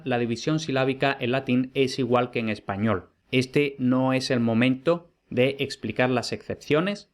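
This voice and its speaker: A man, teaching a Latin lesson in a clear, methodical way and posing questions to the viewer. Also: mid-range voice. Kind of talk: explanatory online lesson.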